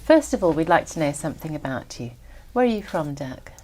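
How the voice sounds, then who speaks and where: A woman examiner reading scripted exam instructions in a formal, measured way. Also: low-pitched, big pitch swings, darkish tone, slightly rough.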